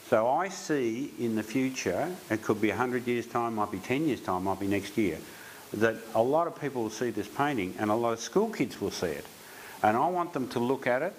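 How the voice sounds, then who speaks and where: A man, a painter, telling animated stories in an interview and acting out the voices he quotes. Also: on the low side, slight background noise, rough recording. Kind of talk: storytelling interview.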